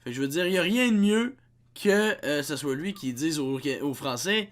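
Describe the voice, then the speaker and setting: A man's voice: fairly high pitch, animated, normal speed. A young man with a Québécois accent hosting a reaction video, exasperated and mocking, swearing freely as he rants. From Quebec. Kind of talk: ranting reaction commentary.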